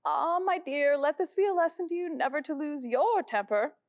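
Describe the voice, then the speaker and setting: A woman's voice: sits high, normal speed, phone-quality sound. A woman voicing a fussy old female crab lecturing her daughter in a moralizing manner. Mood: preachy. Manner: preachy, moralizing.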